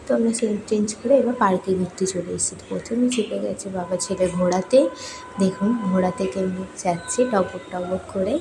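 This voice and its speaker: A young woman from West Bengal narrating a cheerful, chatty family vlog for her viewers, her voice a little hoarse from swimming. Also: medium pitch, steady tone, a little fast. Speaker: vlogger. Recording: noisy outdoor ambience.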